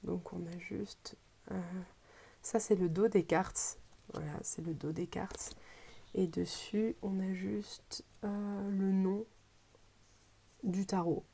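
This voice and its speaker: A woman's voice: medium pitch, steady tone, slow pace, gravelly, long pauses, dark tone, breathy edge. A woman with a French accent casually presenting an unboxing as a reviewer, hesitant and often searching for her words. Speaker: tarot deck reviewer.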